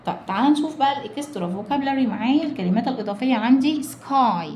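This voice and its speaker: A woman English teacher with an Egyptian Arabic accent, giving a children's lesson, drilling words slowly in a singsong and explaining quickly in between. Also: high-pitched, lively intonation, a little mellow, slight background noise.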